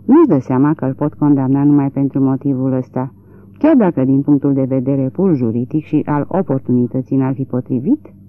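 Un bărbat care dă glas unui judecător bătrân și fragil, neliniștit și ezitant. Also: male voice, mid-range voice, animated, lightly acted. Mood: perplexed. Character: old, frail, troubled country judge. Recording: tinny lo-fi narrow-band recording.

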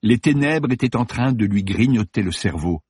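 A man narrating a thriller audiobook in a measured, dark, unhurried reading, close to the mic. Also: mid-range voice, expressive, slightly rough, dry recording.

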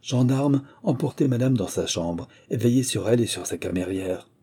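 A man's voice: mid-range voice, lively intonation, moderate pace, mellow, slightly rough, pitched above the performer's own voice. A man doing a dry, ironic police agent. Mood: commanding. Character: wry, commanding male police agent.

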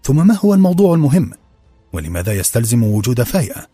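A man's voice: medium pitch, sing-song, fast talker, warm tone, slightly rough, no echo, faint music behind, voice pushed up. A man voicing a worried old mother who fires off anxious questions.

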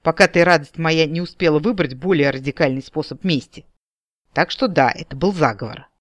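A man's voice: a little high, brisk, dry recording, lightly acted. A man voicing a teasing, ironic elder brother talking on the phone in an audiobook. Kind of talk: audiobook character voice.

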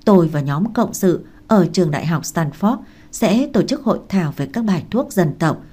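A woman's voice: on the low side, expressive, normal speed, dark tone, slightly rough. A woman reading a composed young male tutor. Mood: reassuring.

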